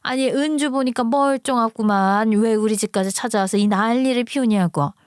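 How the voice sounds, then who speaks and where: A woman's voice: fairly high pitch, normal speed, clean tone, no room sound, studio quality, close to an everyday voice. A woman voicing a dismissive, snippy middle-aged mother who scoffs and gets defensive. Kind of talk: storytelling acting.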